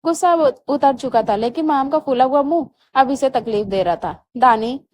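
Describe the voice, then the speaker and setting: A woman narrating a romance novel aloud in a steady storytelling manner. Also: high-pitched, normal speed, slight background noise.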